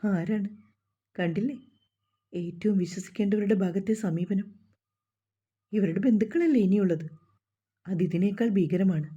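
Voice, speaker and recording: A woman's voice: mid-range voice, unhurried, long pauses, warm tone, husky. A woman voicing a distressed young woman who talks in a pleading, earnest way, in a storybook reading on a dull lo-fi recording.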